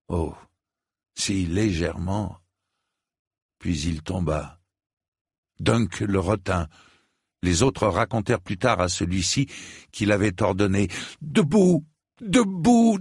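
A man narrating a story in a measured, grave manner. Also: deep voice, slightly rough, no echo, clean studio sound. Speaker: audiobook narrator. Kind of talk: scripted narration.

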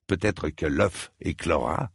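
A man's voice: low voice, takes it slowly, vocal fry, husky, no room sound, clean studio sound, full character voice. A man voicing a whimsical young fiddler in a storybook reading, speaking in an airy, theatrical, dreamy way.

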